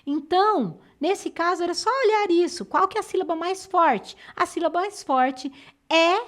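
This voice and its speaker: A woman with a Brazilian Portuguese accent teaches a lesson that walks students through exam answers. Her voice sits fairly high, and she explains in a clear, patient way. She is recorded close to the microphone. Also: a bit bright. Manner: clear, patient explaining, slows down to stress syllables.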